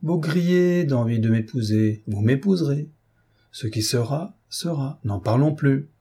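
A man reading aloud, voicing a phlegmatic, deadpan old manservant who speaks in calm, sententious sayings. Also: mid-range voice, moderate pace, husky, lightly acted. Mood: smug calm.

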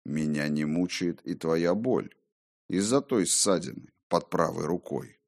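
A man voicing a ghostly male double, a conscience that speaks low, hushed, calm and taunting, in an audiobook. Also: unhurried. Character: eerie whispering male double, his conscience. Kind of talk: audiobook character voice.

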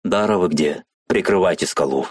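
A man's voice: sits low, normal speed, husky, no room sound, clean studio sound. A man voicing a squad commander who calls out terse, urgent orders over a hissing walkie-talkie. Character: male squad commander calling over a field radio. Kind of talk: audiobook narration with voiced quotes.

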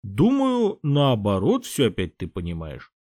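A calm, weary old patriarch, voiced by a man reading aloud, speaking in measured tones. The audiobook sound is dry and close. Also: medium pitch, no room sound. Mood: wry. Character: calm elderly male patriarch, weary and wise. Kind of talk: audiobook character voice.

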